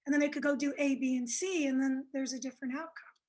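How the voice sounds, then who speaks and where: Speaking quickly in a high, steady voice with a darkish tone, this woman appears as a psychic guest on an interview show. French and Italian are her first languages, and her casual, shy chatter is peppered with fillers and hesitations.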